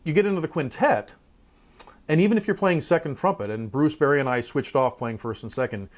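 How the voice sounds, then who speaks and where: A middle-aged man, a trumpet player and college professor, talking through his career in a relaxed interview, thoughtful and chatty with many asides. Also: on the high side, brisk.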